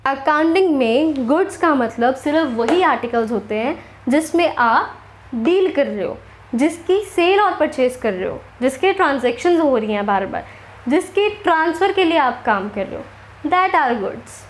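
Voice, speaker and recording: High-voiced teacher with an Indian accent. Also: female voice, lively intonation. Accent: Indian English. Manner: explains slowly, poses questions and answers them. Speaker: accounting teacher. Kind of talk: classroom lecture.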